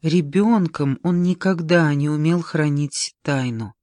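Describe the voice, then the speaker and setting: An audiobook reader narrating a family drama in an even, measured way. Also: mid-range voice, no echo, clean studio sound.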